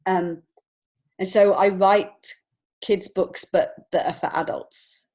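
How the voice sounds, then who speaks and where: A children's book author and illustrator, appearing as a podcast guest, shares personal stories in an interview in a heartfelt, informal and emotionally open way. Her mid-range voice is a little mellow, with fairly even intonation and a slow pace.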